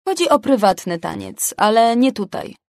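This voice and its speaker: A woman's voice: fairly high pitch, very animated, normal speed, no room sound, studio quality, voice pushed up. Woman reading a pleading male customer. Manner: soft, persistent pleading.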